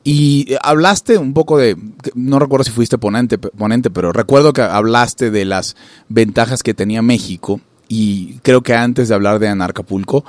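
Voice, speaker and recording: A Venezuelan man hosts a casual podcast interview in a fairly low, slightly mellow voice with no room sound. His questions run long and loose, padded with "eh" and "este."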